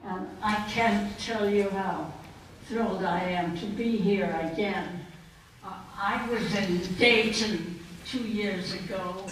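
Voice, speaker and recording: A woman in her early nineties, a poet and guest speaker, shares personal stories with an audience in short, deliberate phrases. Her voice is mid-range. The microphone sounds distant in a very echoey indoor conference banquet room, with faint noise.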